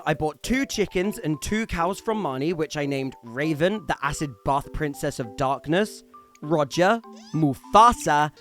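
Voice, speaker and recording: A man hosting a gaming channel, giving a scripted gameplay voice-over with playful, theatrical asides. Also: high-pitched.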